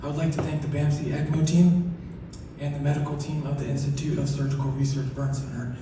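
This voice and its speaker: A soft-spoken man giving an acceptance speech, his articulation slurred as if one side of his mouth is numb. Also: fairly high pitch, level tone, fairly quick. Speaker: award recipient. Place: large hall through PA. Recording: echoey hall, distant, noisy ambience.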